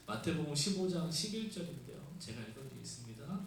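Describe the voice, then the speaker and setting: Speaking quickly in a slightly high, creaky voice, a South Korean pastor delivers an expressive Sunday sermon, walking through scripture in a conversational way with rhetorical questions. It's recorded in a church sanctuary's echoey space from a distant mic, with a faint hiss.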